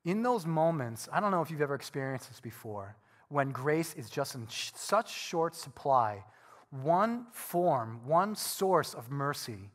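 A middle-aged man preaching a sermon as pastor, earnest, moving between quiet reflection and loud animated bursts. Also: fairly high pitch. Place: church sanctuary. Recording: long reverb of a church hall.

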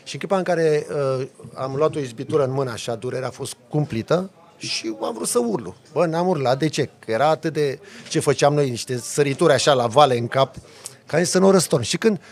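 Brief: male podcast guest, gravelly voice pitched a bit high, animated storyteller. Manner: animated, lively storytelling with sound effects. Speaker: podcast guest, off-road driver. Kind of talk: casual storytelling.

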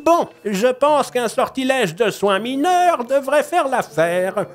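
A man voicing a bossy, blunt old woman mage in an audio story, in a shrill voice. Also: expressive, slow, faint music behind, exaggerated voice. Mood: brusque.

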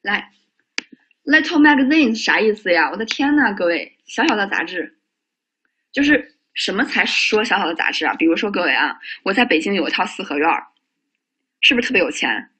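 Lively male English teacher, husky. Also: high voice, brisk. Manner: lively, joking, asks the class questions. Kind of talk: exam listening lesson.

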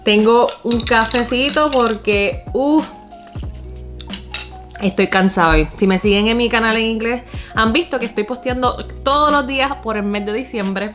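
In her living room, a young Puerto Rican vlogger chats over music and tells personal stories, speaking informally with slang and switching into English words. Her voice is on the high side and a bit bright, at a moderate pace.

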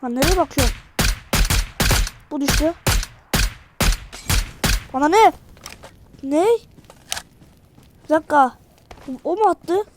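A woman commentating her mobile shooter match, excitable and slangy, yelling at teammates. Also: high-pitched, measured pace, pauses often, slight background noise. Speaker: mobile game streamer. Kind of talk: live gameplay commentary.

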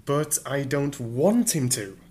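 A man's voice: medium pitch, expressive, slow, warm tone, voice pushed up. A man reading a storybook voices a flustered, indignant Englishman lying in the mud, speaking in sarcastic, exasperated bursts.

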